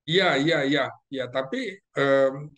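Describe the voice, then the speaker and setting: A man who is a guest analyst in a casual discussion, going through names and facts methodically, with many pauses and fillers. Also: fairly high pitch, fairly bright tone.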